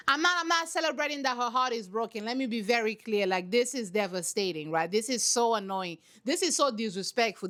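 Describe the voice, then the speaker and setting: Woman, high pitched, casual reality TV commentary, emphatic, preachy, repeats herself. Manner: animated, talks straight to her audience.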